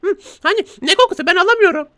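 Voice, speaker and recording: A tiny cursed baby doll in a video game, grumpy and demanding, squealing in a very high, piercing voice. The sound is bright and close, with no room behind it. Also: male voice, rapid-fire, no echo, exaggerated voice. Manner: whiny, bossy, squeaky.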